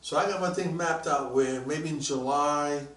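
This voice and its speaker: A man around sixty tells his stories in a casual interview, lively and quick to act out other people's words. His voice sits a little high for a man. It echoes off a roomy space, with the mic set back from him. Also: distant mic. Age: about 60. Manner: animated, acts out quoted voices, gets excited. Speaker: guest, police detective.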